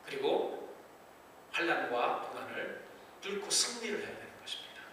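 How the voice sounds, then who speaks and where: A man preaching a sermon as pastor, swinging from soft, low passages to loud, high-pitched pleading. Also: big pitch swings, normal speed, a little hiss or hum. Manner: dramatic swings between soft and loud delivery. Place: church sanctuary. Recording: echoey church hall, mic at a distance.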